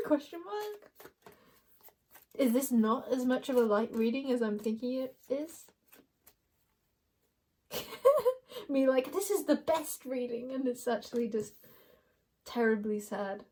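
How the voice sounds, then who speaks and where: A woman's voice: on the high side, slow, pauses often, mellow. A young woman doing an intuitive card reading for viewers, musing aloud and laughing often. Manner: giggly, musing, talks to viewers as you guys. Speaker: tarot card reader.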